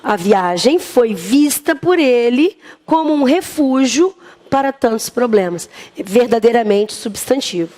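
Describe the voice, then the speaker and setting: A woman with a Brazilian Portuguese accent teaching an exam-prep grammar lesson, lively and often asking the class questions. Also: fairly high pitch, unhurried.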